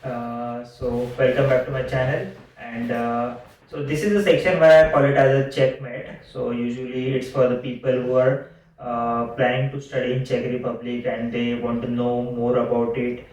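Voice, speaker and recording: A man hosting an interview, asking questions haltingly with many "uh" and "means". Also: mid-range voice, little pitch movement, darkish tone, recorded from a distance. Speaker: host, interviewer. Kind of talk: casual interview. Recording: echoey room, voice off-mic, faint noise.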